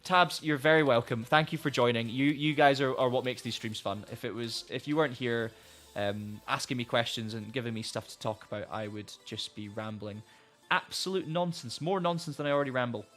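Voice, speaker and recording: A man's voice: mid-range voice, a little fast, a bit bright, faint music behind. A man chatting casually on a live stream, rambling and restarting sentences as he reads out viewer comments, saying he is losing his voice. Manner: rambling, friendly, many restarts.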